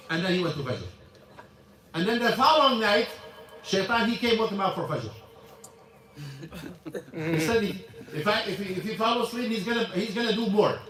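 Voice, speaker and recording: A man with a high-pitched, bright, forceful voice gives a casual religious lesson inside a mosque hall. His English is broken and he keeps repeating himself, while the far-off mic picks up the hall's echo.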